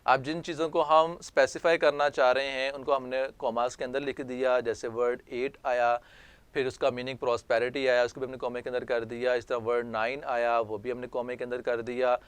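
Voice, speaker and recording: A male teacher with a Pakistani accent giving an online lecture, explaining in Urdu and reading English sentences slowly and deliberately. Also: medium pitch, flat delivery, smooth, no room sound.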